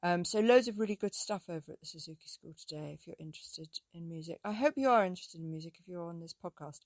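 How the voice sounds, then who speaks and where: A woman's voice: on the low side, quick pace, no echo, clean studio sound. A middle-aged woman hosting a casual solo podcast, rambling with fillers and restarts, her voice getting tired. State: losing her voice. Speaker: podcast host and music teacher.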